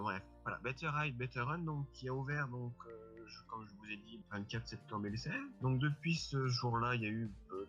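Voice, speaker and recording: A man's voice: mid-range voice, a bit bright. A man co-hosting an amateur web radio show, presenting a review in a casual, hesitant way with many fillers and restarts. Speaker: co-host presenting a forum review. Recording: dull lo-fi sound with faint music.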